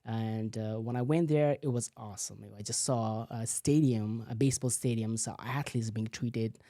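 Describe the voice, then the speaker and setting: A man's voice: medium pitch, steady tone, normal speed, dark tone, dry recording, clean studio sound. A man, a physical therapist telling his story as a guest, full of "you know" fillers. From Nepal. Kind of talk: casual interview answers.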